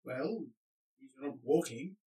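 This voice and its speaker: Dry matter-of-fact player guy, high voice, sits back from the mic. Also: lively intonation, slow, warm tone, far from the mic, poor audio. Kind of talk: tabletop role-play.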